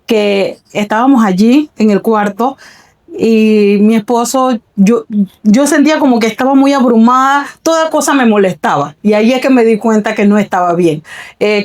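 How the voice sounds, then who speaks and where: On a faith podcast, a woman pastor shares an earnest, reflective personal testimony in conversation. Her voice is a little high with a darkish tone, and she often repeats her words.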